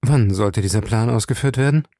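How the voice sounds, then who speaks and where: A man's voice: medium pitch, fairly quick, dark tone, dry recording, clean studio sound, lightly acted. A man doing an impatient police captain. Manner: impatient, clipped. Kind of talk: audiobook character voice.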